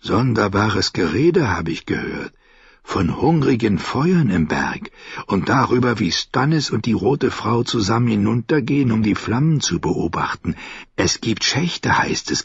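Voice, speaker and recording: A man's voice: lowish voice, creaky, husky, no room sound, pitched above the performer's own voice, exaggerated voice. A man voicing a genial, sly older pirate merchant who talks in a coaxing, lilting way in a storybook reading. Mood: confiding. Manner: lilting, coaxing, fond of flattery. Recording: dull dry studio audiobook.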